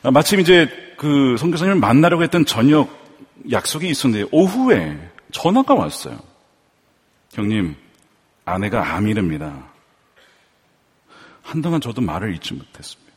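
A man preaching a sermon as a pastor, swinging between loud fervor and hushed storytelling. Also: a little high, very animated, a little fast, breathy edge. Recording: long church hall reverb.

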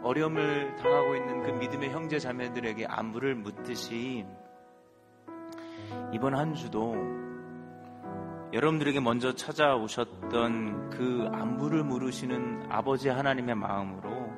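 Male pastor, earnest sermon delivery, mid-pitched voice, long reverb of a big sanctuary. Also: fairly even intonation, normal speed. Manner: earnest, addresses the congregation directly. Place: church sanctuary. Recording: long reverb in a large hall, with faint music.

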